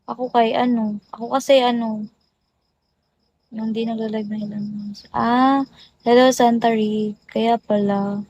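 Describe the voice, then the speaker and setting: A woman's voice: fairly high pitch, little pitch movement, a little slow, long pauses, a little mellow, low-quality recording. A woman hosting a casual phone livestream, chatting and rattling off greetings to viewers. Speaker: livestream host.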